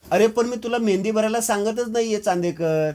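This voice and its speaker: A man's voice: high-pitched, fairly quick, a little mellow, pitched above the performer's own voice, close to an everyday voice. A man reading the lines of a bossy, scheming woman in a TV serial recap. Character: scheming mother-in-law figure, woman.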